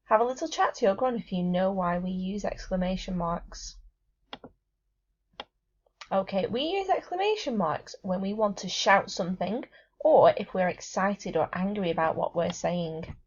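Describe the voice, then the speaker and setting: A woman gives a recorded lesson to small children in a bright, encouraging teacher voice. Her pitch sits in the middle, and she reads aloud with lively expression. The sound is a little dull and lo-fi. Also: moderate pace. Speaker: primary school teacher.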